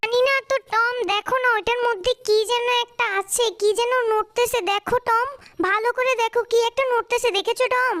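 A woman voicing an excitable little male mouse in a cartoon dub, squeaky and whiny. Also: a little fast. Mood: puzzled.

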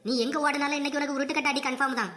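A woman's voice: high-pitched, steady tone, very noisy, lightly acted. Fiery young cartoon daughter-in-law, voiced by a woman. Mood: furious. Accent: Kanyakumari Tamil. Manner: fast, shouting threats, combative. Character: hot-tempered young daughter-in-law, fierce and defiant. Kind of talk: cartoon comedy voice acting.

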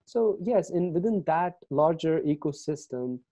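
Very mellow man with a Kashmiri accent. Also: a little high, lively intonation, no room sound. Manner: measured, hesitant, thoughtful delivery with frequent pauses. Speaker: webinar panelist. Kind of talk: panel discussion on video call. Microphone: wired earphone headset on video call. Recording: muffled video-call audio.

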